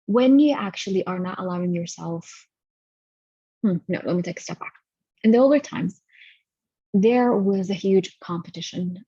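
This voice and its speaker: A woman hosting a guided healing session over a video call, talking haltingly and stopping to gather her thoughts. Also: fairly low pitch, dark tone, breathy edge, no room sound. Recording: dull lo-fi audio.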